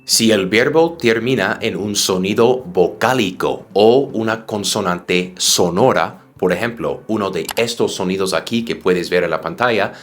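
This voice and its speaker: A man teaching English pronunciation, modeling words slowly and carefully for his students. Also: on the low side. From United States.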